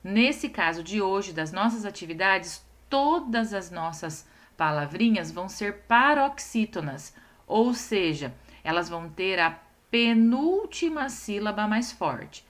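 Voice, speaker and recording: A woman teaching a recorded lesson to young schoolchildren, patient and explaining step by step. She slows down to stress syllables and keeps checking whether the children follow. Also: mid-range voice, very animated.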